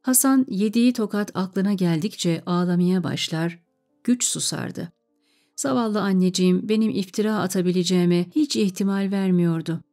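A woman reading a story aloud in a calm, measured way. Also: on the low side, faint music behind.

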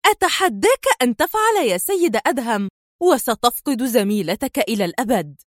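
A woman's voice: a little high, sing-song, moderate pace, a little mellow, no echo, studio quality. A woman playing a mocking, defiant female spy. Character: defiant, scheming female enemy agent. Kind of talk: audiobook character voice.

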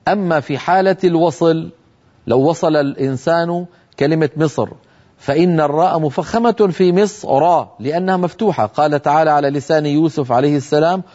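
A man leads a televised lesson on Quran recitation. His voice sits a little high and he explains each rule calmly. He stops to chant the examples slowly, and the broadcast audio is dull and lo-fi. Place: television studio.

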